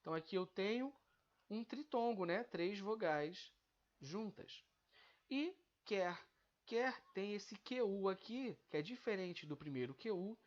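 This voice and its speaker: A man's voice: high voice, animated, a little slow, muffled recording. A male teacher giving a grammar lesson, explaining step by step and drawing out the example words he is breaking down.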